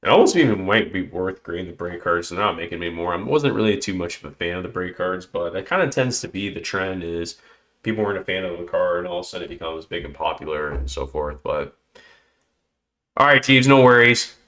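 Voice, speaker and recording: A man hosts a casual livestream, chatting and muttering to himself with small exclamations while he sorts cards. His voice sits low and has a fairly bright tone, and he talks a little fast.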